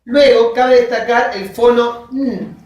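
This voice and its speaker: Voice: mid-range voice, steady tone, slow pace, darkish tone. A university teacher giving a linguistics lecture, dictating from notes, spelling out examples word by word and checking in with short questions to the class. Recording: very echoey classroom, voice from far off.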